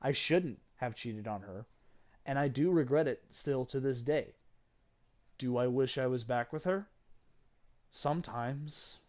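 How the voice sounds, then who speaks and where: A man's voice: mid-range voice, a little slow, pauses often, a little mellow. Young man, confessional, candid, cursing, gaming vlog host. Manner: candid, confessional, swears freely. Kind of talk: personal storytelling.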